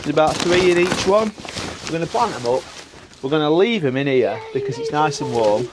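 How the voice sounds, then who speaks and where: Against a noisy background, a man with a medium-pitched voice rambles through a casual vlog chat, filler words and all, while working outdoors on his allotment and in a greenhouse.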